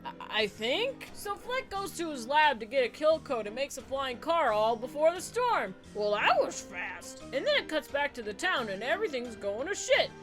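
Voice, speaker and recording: A woman with a high, animated voice tells a film's story in a flippant, sarcastic way and acts out each character's line in a silly voice. Her pitch swings widely from phrase to phrase. Faint music plays under her voice. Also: normal speed, hardly any pauses. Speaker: comedic movie recapper. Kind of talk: comedic plot recap narration.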